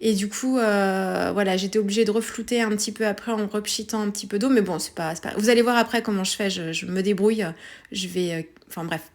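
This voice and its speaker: A woman's voice: medium pitch, fairly even intonation, fast talker. A woman with a French accent talks through a scrapbooking tutorial in a casual, hesitant way, full of fillers and self-corrections. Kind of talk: casual craft tutorial voice-over.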